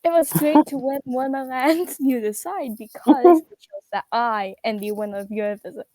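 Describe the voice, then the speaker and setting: A vain, self-crowned evil queen diva, squeaky-high and pitch-shifted through a voice changer. She talks down to everyone in a haughty, bragging way and drops swear words. The sound is close and dry, with no room around it. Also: normal speed, mellow, dry recording. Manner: haughty, self-aggrandizing, swears and laughs mid-sentence. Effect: voice changer pitch-shifting her voice. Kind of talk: comedic character roleplay.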